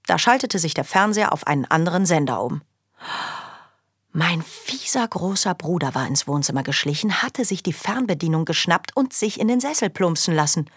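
A woman's voice: lowish voice, animated, normal speed, husky, dry recording, studio quality. A woman narrating a children's audiobook in a chatty first-person girl's voice. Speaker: audiobook reader.

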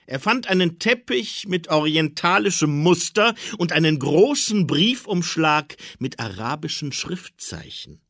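Slow, very expressive storybook narrator. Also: mid-range voice, no room sound, studio quality. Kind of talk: storybook reading.

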